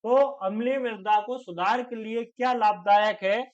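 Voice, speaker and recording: High-voiced teacher drilling exam answers. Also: male voice, steady tone, measured pace. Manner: joking, scolding asides to students, repeats questions. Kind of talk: online exam-prep lecture. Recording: dull lo-fi audio.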